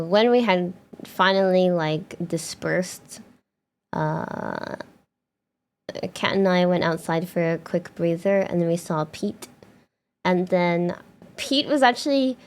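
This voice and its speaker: This is a young woman streamer in a casual chat with viewers, her talk meandering with fillers, false starts, and bubbly bursts of enthusiasm. Her pitch sits in the middle range.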